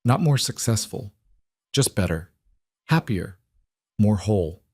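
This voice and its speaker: A reserved, earnest woman CEO speaks softly in a storybook, as a male narrator puts her on. The voice sits a touch above his own low range and stays quiet. The sound is dry and close. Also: very animated, measured pace, breathy edge, dry recording, exaggerated voice. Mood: tender.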